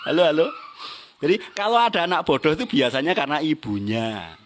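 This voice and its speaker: A middle-aged man leads a motivational seminar. His voice sits high, and he keeps firing questions at the audience and chuckling at his own points. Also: a little slow, slight background noise. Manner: lively, teasing the audience with questions and laughing. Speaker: business motivational trainer.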